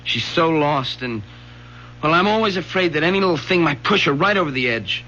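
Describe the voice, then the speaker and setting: Earnest, tense American teenage son. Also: male voice, on the high side, lively intonation, brisk, pushed and bright. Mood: troubled. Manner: earnest, hesitant. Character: shaken, guilt-ridden teenage son, earnest and respectful. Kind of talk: 1970s American radio drama acting. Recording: dull lo-fi old radio broadcast, faint hum.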